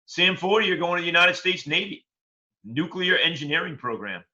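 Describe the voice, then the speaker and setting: A man co-hosting a casual chat show, his bright, sharp voice sitting a touch high. He rambles with stammered restarts, and the sound is dull and lo-fi. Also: expressive. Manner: rambling, halting with repeated restarts. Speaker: co-host.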